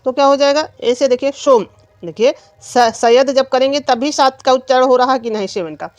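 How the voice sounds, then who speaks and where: Higher-pitched woman quizzing her students. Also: fairly quick, no echo. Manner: repetitive quizzing, asks and answers own questions. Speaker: teacher. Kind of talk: exam-prep lesson.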